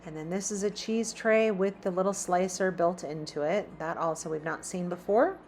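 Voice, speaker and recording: A woman's voice: on the low side, moderate pace, a little mellow, soft background music. A woman chatting casually as she browses a store, reading out prices as she walks. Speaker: shopping vlogger. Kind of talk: casual shop-with-me narration. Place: inside a large store.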